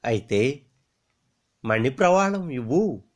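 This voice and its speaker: A man's voice: medium pitch, big pitch swings, slow, voice pushed up. A man voicing a wounded young lover who pleads and insists in a storybook reading. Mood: insistent. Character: wounded young male lover, desperate and demanding.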